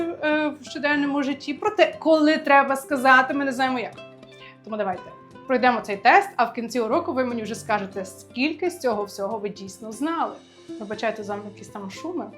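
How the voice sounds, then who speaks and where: Brief: a woman language teacher, lively and chatty with her viewers, a higher voice, a little under the weather, faint music behind. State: recovering from illness, clears throat. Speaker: Italian teacher. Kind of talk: online language lesson. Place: home, indoors.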